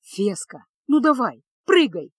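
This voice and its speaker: A woman voicing a gruff, impatient young male mage who speaks low, slow and insistent, in a storybook reading. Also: lively intonation, no echo. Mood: pleading, insistent.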